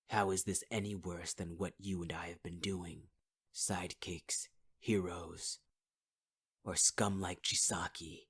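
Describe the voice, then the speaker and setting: Close to the microphone, this man voices a possessive villain for an ASMR roleplay, teasing the listener as sweetheart in a half-whispered tone. His pitch is low, the tone fairly bright and husky.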